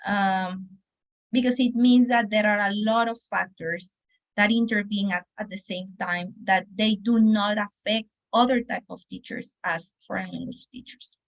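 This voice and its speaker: A woman with a Mexican accent and Spanish as her first language gives an academic presentation as a teacher, explaining in a halting way with frequent pauses. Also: mid-range voice, fairly even intonation, poor audio.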